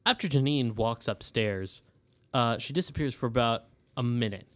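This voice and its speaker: A man's voice: medium pitch, normal speed. Casual male game master narrating. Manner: casual, relaxed narration with fillers.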